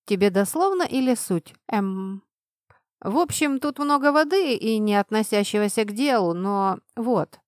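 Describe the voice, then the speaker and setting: A woman's voice: medium pitch, expressive, measured pace, no room sound, clean studio sound, lightly acted. A woman reading an audiobook, voicing a friendly, knowledgeable young male student who explains things patiently. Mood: explaining. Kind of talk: audiobook narration.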